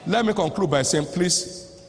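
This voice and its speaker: A man preaching a sermon at a convention, emphatic and repeating lines as he rises to shouts. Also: sits high, unhurried, slight background noise. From Nigeria. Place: large convention hall. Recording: reverberant live hall recording.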